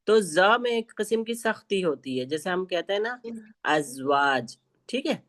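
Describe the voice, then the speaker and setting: Patient woman teaching pronunciation slowly. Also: on the low side, animated. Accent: Indian Urdu. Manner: patient, repeats sounds for students to echo. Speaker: Quran recitation teacher. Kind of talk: online class instruction.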